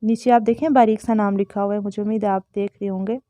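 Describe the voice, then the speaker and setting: A woman's voice: medium pitch, steady tone, mellow, dry recording. A woman with a Pakistani Urdu accent giving an online lesson, patiently explaining Arabic letters and voicing each letter sound aloud. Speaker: Quran recitation teacher.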